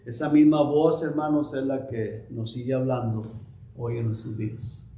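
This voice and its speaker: A male pastor preaching a sermon in a church, his voice sitting at an ordinary middle pitch. He builds up to emphatic declarations, then drops back into quieter readings of scripture. The room gives his voice a noticeable echo. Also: little pitch movement, moderate pace.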